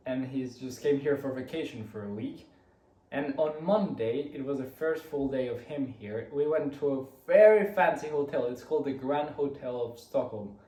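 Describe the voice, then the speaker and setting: A man's voice: medium pitch, normal speed, dark tone. A young man from Rica, telling his week in a chatty, rambling way with many restarts. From Costa Rica. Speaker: vlogger. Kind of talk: casual weekly recap monologue. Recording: roomy, from a distance.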